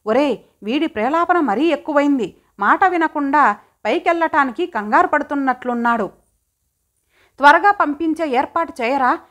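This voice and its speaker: A crude male thug sneers and threatens, read by a woman narrator. His high voice stays in the same register as the storybook narration. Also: expressive, moderate pace, fairly bright tone. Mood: menacing.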